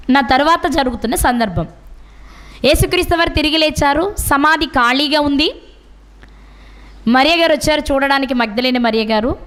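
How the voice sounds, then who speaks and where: High-voiced woman preaching a sermon. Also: a bit bright. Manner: asks the listeners many rhetorical questions.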